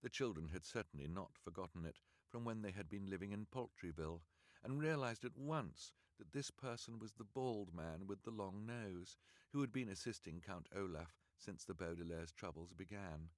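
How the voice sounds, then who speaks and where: Low voiced guy reading a storybook aloud, dry close mic, measured delivery. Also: dry recording. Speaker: audiobook reader. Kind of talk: audiobook reading on a livestream.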